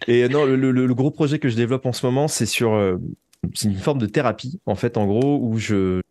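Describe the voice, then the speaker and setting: This interview guest, an audio fiction writer, talks things through casually, stumbling and repeating words as he searches for the right phrasing. His mid-range voice moves a little fast and has a dark tone. The recording is dry, with clean studio sound.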